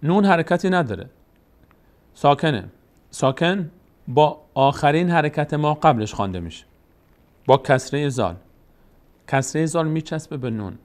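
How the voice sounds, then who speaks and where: A man teaching reading step by step, sounding out syllables slowly and stretching them, then explaining each rule patiently. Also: on the high side, lively intonation. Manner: slow, drawn-out syllable-by-syllable demonstration. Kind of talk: recorded reading lesson.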